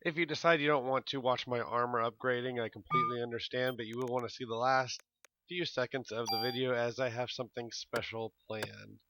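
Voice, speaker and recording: A man's voice: medium pitch, fairly even intonation, fairly quick, pushed and bright, highs cut off, a little hiss or hum. A man giving casual commentary over his game playthrough, laid-back, laughing often and swearing now and then. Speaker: let's play commentator.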